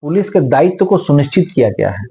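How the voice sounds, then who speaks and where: A man, a senior advocate, answers interview questions in a measured, lecturing manner. His voice sits a little high, with a husky, mellow tone. He explains law patiently with everyday examples. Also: big pitch swings.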